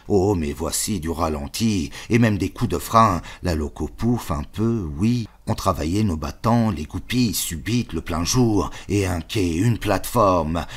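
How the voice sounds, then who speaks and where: A male audiobook narrator with a very deep voice. He reads a novel in short, measured bursts and lets each clause land on its own. The delivery stays steady and literary. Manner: measured, choppy literary phrasing. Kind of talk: reading a novel aloud.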